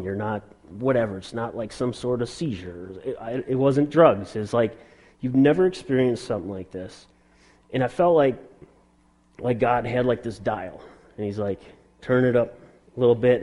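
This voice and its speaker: A middle-aged man telling a personal testimony in an earnest, halting way, with many restarts and fillers. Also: mid-range voice, dark tone. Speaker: speaker sharing a conversion testimony.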